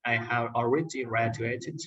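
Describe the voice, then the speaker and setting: A man's voice: medium pitch, unhurried, highs cut off, a crowd in the background. A man recites prepared answers with small hesitations in a classroom English exercise. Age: 20s. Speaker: interview guest. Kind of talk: classroom English speaking exercise, scripted interview.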